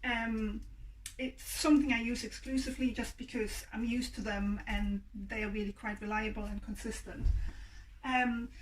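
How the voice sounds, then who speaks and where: Her voice croaky and fairly high, a woman who dyes yarn and owns a shop demonstrates her craft chattily at normal speed, though her delivery is flat and full of ums. She clears her throat now and then; a distant mic in her home workspace catches the faint hum of a hot plate.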